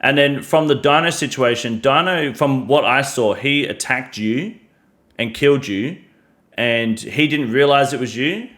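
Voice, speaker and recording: An Australian streamer hosts a casual interview while slightly drunk, careful but hesitant, restarting often and leaning on fillers. His voice is medium in pitch, a bit bright, and measured in pace.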